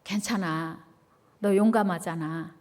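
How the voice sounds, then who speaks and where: A woman voicing a strong, brave father who speaks softly and calmly to his young son. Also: lowish voice, measured pace, natural voice. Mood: firm. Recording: long hall reverb.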